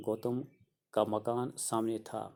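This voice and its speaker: A man's voice: lowish voice, little pitch movement, gravelly, a little mellow. A middle-aged male teacher going through a school reader lesson for young children, restating each point simply and repeating himself.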